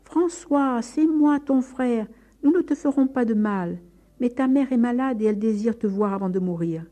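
A woman's voice: on the high side, normal speed, warm tone, pitched above the performer's own voice, close to an everyday voice. Woman doing a young brother calling out. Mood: pleading. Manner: calling out, coaxing. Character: young man, the runaway's brother, pleading.

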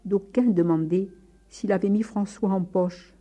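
A woman narrating a story in a measured, expressive reading. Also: medium pitch.

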